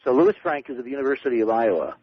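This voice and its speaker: A middle-aged man, a guest on a late-night radio show, telling stories excitedly and repeating words as he gets going. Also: medium pitch, racing, breathy edge, dry recording. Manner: excited storyteller, repeats words when starting. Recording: dull lo-fi radio broadcast.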